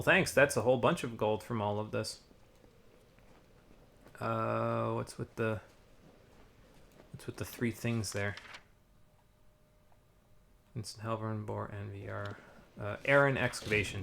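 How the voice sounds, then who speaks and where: A man's voice: mid-range voice, unhurried, creaky, long pauses, bright, forceful tone, a little hiss or hum. A man giving casual, rambling live commentary on a video game with wry asides.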